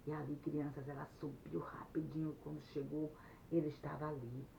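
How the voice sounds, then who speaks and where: A woman's voice: low voice, level tone, normal speed, creaky. A woman missionary telling a story to children, addressing them directly and using many fillers. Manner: talks straight to the children, with many fillers and gestures. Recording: dull lo-fi sound, slightly distant, faint noise.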